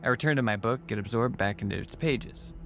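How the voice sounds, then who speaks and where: A man's voice: lowish voice, fairly quick, creaky. A man telling a scripted first-person horror story as its narrator. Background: music.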